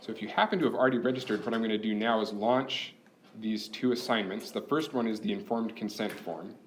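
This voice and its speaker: A man's voice: lowish voice, fairly quick, slight background noise. Man lecturing a class step by step. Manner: explaining step by step, practical and chatty. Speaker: university instructor.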